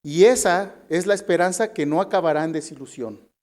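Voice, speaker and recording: A man's voice: on the high side, fairly quick, darkish tone. A man with a Mexican Spanish accent preaching a sermon, reading scripture aloud and calling his listeners brothers.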